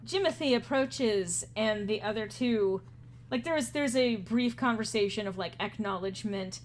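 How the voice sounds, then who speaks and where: A woman's voice: mid-range voice, moderate pace, slight background noise. Chatty woman game master. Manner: relaxed, chatty, laughs often. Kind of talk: narrating a tabletop game.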